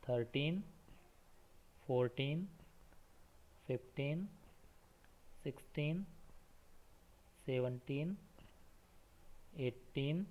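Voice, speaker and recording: A man teaching a slow, repetitive counting lesson for children, spelling words letter by letter and asking questions that he answers himself. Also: medium pitch. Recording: dull lo-fi recording.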